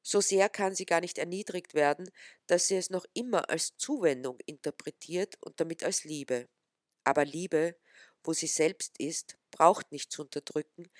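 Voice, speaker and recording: A narrator reading a reflective, poetic story aloud in a calm, measured way, with frequent pauses between phrases. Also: medium pitch, no echo, clean studio sound.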